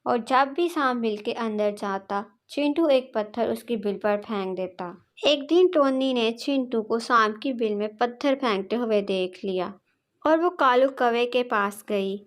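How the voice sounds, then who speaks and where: A woman narrating a children's cartoon story in a high, light voice. Her storytelling is plain and steady. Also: a little slow.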